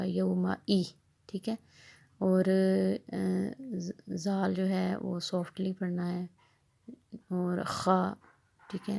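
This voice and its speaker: A woman teaching Quran recitation rules, switching between slow melodious recitation and quick quiet explanation. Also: medium pitch, gravelly. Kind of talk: tajweed lesson with recitation.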